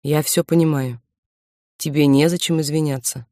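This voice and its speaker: A woman voicing a confident young man who questions his girlfriend carefully and gently. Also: deep voice, steady tone, moderate pace, no room sound, clean studio sound, close to an everyday voice. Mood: gentle probing. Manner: careful, soft-spoken, self-assured.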